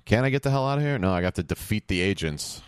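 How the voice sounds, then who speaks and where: A man casually narrating his video game play to himself, rambling, swearing and getting loud during fights. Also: lowish voice, lively intonation, fast, smooth, dry recording, clean studio sound. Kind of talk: casual let's-play commentary. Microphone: headphones on, close podcast mic.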